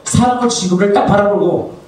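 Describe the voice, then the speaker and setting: A male pastor delivering a sermon, asking the congregation questions and answering them himself, swinging between soft low asides and raised exclamations. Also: fast. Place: church sanctuary. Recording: echoey, from far off the mic.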